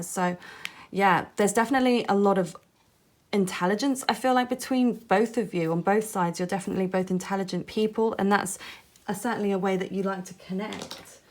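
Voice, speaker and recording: A woman giving a pick-a-card tarot reading straight to the viewer. She talks in a musing, gently reassuring way and often softens her points with "I feel". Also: medium pitch, fairly quick.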